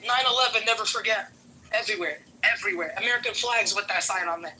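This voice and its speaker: A New York woman who works as an immigration law clerk talks bluntly and profanely in a heated, casual voice-chat room, firing off rhetorical questions. She speaks fast in a medium-pitched, pushed and bright voice. Her phone mic on the voice-chat app produces a rough recording with a little hiss or hum.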